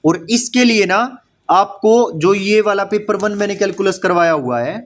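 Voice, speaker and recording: This online exam-prep maths lecture is led by a man whose high-pitched voice moves at a moderate pace. Speaking Hindi laced with Indian-accented English terms, he explains each step and regularly asks whether students are keeping up.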